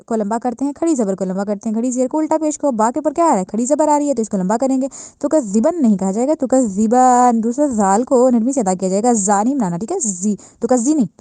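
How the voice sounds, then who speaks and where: A woman with a Pakistani Urdu accent teaching recitation, correcting pronunciation word by word and drawing out each word slowly. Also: a little high, mellow, no echo. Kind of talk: tajweed lesson, word-by-word correction.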